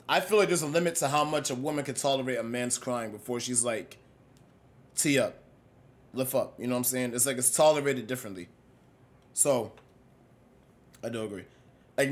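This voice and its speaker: A young man with a high-pitched voice riffs with his live chat in loose, slangy talk. He jumps between loud, excited bursts and low mumbles, and keeps circling back to his point. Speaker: livestreamer.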